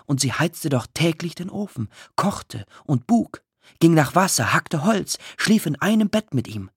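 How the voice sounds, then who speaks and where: A man reading a literary story aloud, expressive and emotional, with drawn-out pauses. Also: fairly high pitch, husky, no room sound, clean studio sound. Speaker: audiobook narrator. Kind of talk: scripted literary narration.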